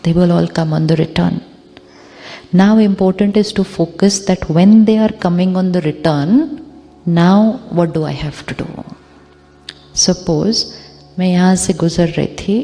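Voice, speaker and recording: Calm-paced woman giving a spiritual talk. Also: on the low side, long reverb tail. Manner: mixes Hindi and English, slows on English phrases, asks rhetorical questions. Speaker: spiritual teacher.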